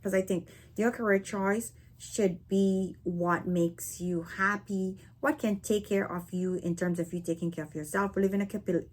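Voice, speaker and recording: A woman's voice: medium pitch, steady tone, moderate pace, few pauses. A woman from Barbados with a Barbadian accent, talking casually to camera as a vlogger and checking in often with "right?" and "okay?". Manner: chatty, frequent "right?" and "okay?" tags. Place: living in North America.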